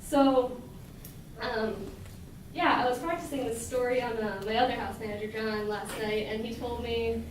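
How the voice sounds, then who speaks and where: A woman's voice: fairly high pitch, fairly even intonation, normal speed. A young woman telling a personal story before a live audience, chatty, with many filler words and frequent laughter. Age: young adult. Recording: echoey hall, mic from a distance, noisy.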